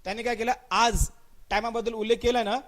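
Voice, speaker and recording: A man with a fairly high voice and a Marathi accent runs a live online grammar class. He quizzes students by name, answers his own questions and repeats them, and slows right down to spell out English example sentences. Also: fairly even intonation, fairly bright tone. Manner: mixes English words into his speech, stretches out spoken example sentences.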